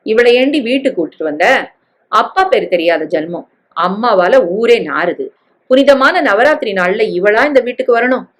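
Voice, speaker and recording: A woman's voice: a little high, lively intonation, normal speed, lightly acted. A woman voicing a harsh, scornful middle-aged mother who scolds with contempt.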